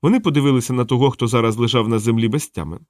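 A man reading a novel aloud in a lively, conversational storytelling manner. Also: mid-range voice, rapid-fire, dry recording, studio quality. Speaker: audiobook narrator. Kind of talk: storytelling narration.

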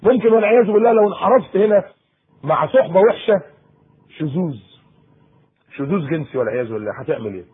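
A man preaching to teenagers in Egyptian Arabic, in a colloquial, animated sermon with acted-out asides. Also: sits high, fast talker, long pauses, breathy edge. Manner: animated, acts out a teen and mother in quoted asides. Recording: tinny lo-fi phone-like tape.

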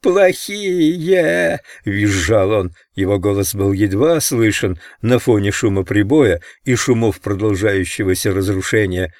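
A man with a low voice reads a novel aloud in a measured, even narration. The sound is dry and close, with almost no room around it. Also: dry recording. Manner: measured, steady reading. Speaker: audiobook narrator. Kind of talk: scripted narration.

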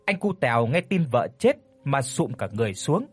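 Male horror narrator: husky, animated delivery, dry close sound. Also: mid-range voice, moderate pace, faint music behind. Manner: expressive, dramatic storytelling. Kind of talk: scripted horror story narration.

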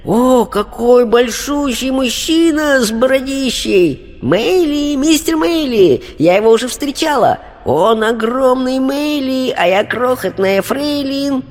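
A man voicing the spirit of a cheerful eight-year-old girl who chatters in thin, high baby talk. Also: animated, slow, few pauses, in a large hall, full character voice. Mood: excited. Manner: lisping baby talk, diminutives. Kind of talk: audiobook character voice.

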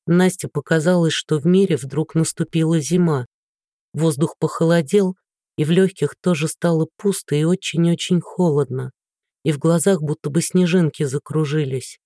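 Guy reading an audiobook, slightly high voice, really dry sound. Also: normal speed, no room sound. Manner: steady, even storytelling. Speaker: audiobook narrator. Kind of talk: scripted narration.

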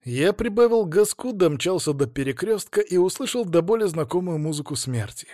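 A man reads a first-person fantasy audiobook with brisk, lively storytelling. His voice sits a little high for a man and is captured close and dry, with no room sound. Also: dry recording. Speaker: narrator.

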